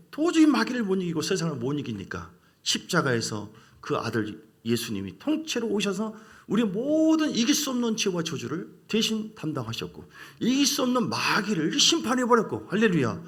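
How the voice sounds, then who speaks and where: A man's voice: sits high, fairly bright tone. A male pastor preaching a sermon emphatically, calling out questions for the congregation to answer. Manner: emphatic, call-and-response with congregation.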